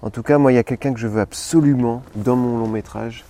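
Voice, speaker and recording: Man, thirties, deadpan, self-important, comedy sketch interview. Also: medium pitch, quick pace. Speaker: comic actor persona being interviewed.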